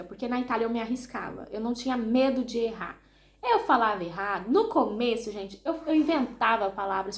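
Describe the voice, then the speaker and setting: Chatty Brazilian woman in an echoey room. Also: fairly high pitch. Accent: Brazilian Portuguese. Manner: chatty, self-deprecating, restarts often. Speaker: vlogger. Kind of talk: casual chat to camera.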